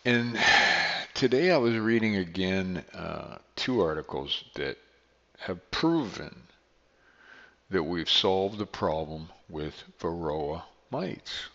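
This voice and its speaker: A man's voice: sits low, sing-song, slow pace, gravelly, a bit bright. An older man hosting his podcast in a rambling, self-correcting way, his voice carrying a heavy echo like a canyon. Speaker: podcast host and beekeeper. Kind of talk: casual solo podcast talk. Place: unfamiliar studio room. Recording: long echoing reverb, dull lo-fi sound.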